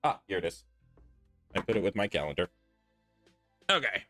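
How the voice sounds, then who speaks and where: A man's voice: low voice, very animated, moderate pace, bright, forceful tone, dry recording, soft background music. A tired man with his voice a bit off, chatting casually with viewers while he draws on a live stream. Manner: chatty, thinks aloud while drawing. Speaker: art streamer.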